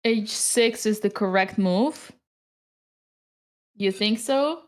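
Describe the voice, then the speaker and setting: A woman with a Romanian accent giving live chess commentary to her chat, excitable and cheering at good moves. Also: medium pitch, takes it slowly.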